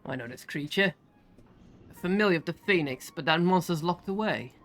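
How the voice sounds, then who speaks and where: A woman's voice: fairly low pitch, animated, normal speed, fairly bright tone, soft background music. A woman reading a bitter young mage. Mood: resentful. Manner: solemn, old-fashioned reading.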